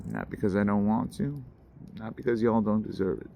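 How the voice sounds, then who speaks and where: A man with a low voice and a gravelly fry talks casually to his viewers by a campfire outdoors. His delivery is slangy and musing, wandering as he goes. Faint ambient noise sits behind him. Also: moderate pace, dull audio. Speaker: host. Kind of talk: casual fireside monologue to viewers.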